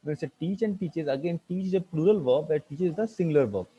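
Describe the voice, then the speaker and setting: A man teaching an online English grammar lecture, halting with many fillers and restarts, spelling words out letter by letter, over a video call. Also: on the high side, dark tone, slightly rough, highs cut off.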